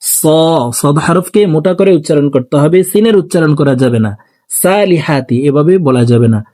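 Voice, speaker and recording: A man teaching Quran recitation, explaining pronunciation rules and then reciting verses slowly and drawn out for viewers to repeat after him. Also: a little high, warm tone.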